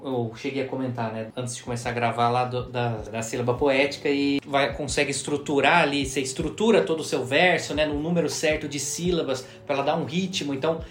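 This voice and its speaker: A man's voice: mid-range voice, steady tone, fairly quick, few pauses, roomy sound, a little hiss or hum. A man interviewing a songwriter in casual conversation, thoughtful and hesitant with frequent restarts. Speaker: interviewer and poet.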